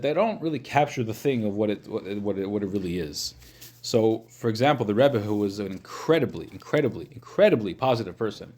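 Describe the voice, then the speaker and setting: A man's voice: on the low side, a little mellow. Questioning male rabbi teaching informally. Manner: questioning, checks in with listeners using short questions. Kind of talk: informal religious lesson, explaining and translating.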